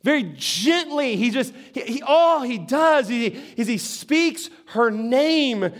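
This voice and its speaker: A man with a notably high voice preaching a sermon. He speaks conversationally and often repeats a word as he gets a sentence going. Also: expressive, slow. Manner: conversational, repeats words when starting sentences. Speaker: pastor.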